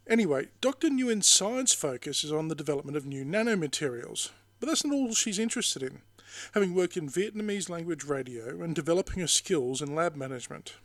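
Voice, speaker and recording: A man's voice: a little high, no echo. A man hosting a podcast, introducing his guest casually with joking asides. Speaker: podcast host.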